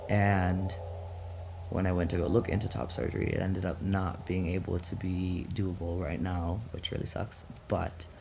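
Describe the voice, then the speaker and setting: A young man talking casually and candidly on a personal vlog, in a reflective, halting way with some gravel in his voice, recorded outdoors. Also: low voice, little pitch movement, a little mellow, a little hiss or hum. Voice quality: gravelly, throat-clearing. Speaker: vlog host. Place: outdoors in chilly morning air.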